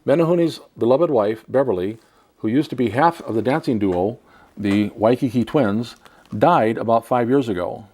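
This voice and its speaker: A man's voice: mid-range voice, normal speed, a little mellow. A man hosting a talk show, reading a profile aloud and adding chatty asides with frequent laughs. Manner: chatty, laughs between lines.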